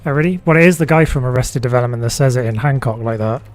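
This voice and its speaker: A man's voice: medium pitch, quick pace. A man with a mid-range voice, chatting casually while playing a game on stream. He talks freely and loosely, padding his sentences with "like" and "um". Faint game music and gunfire play behind him. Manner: chatty, fills speech with "like". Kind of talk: casual chat while gaming.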